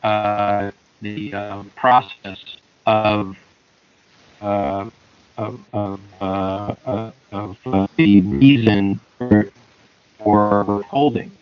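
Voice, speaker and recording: A man chairing an online public hearing, speaking haltingly with many fillers while his audio keeps cutting out. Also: fairly low pitch, little pitch movement, soft background music. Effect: choppy audio that keeps cutting out. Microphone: remote call connection. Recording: muffled lo-fi online call with dropouts.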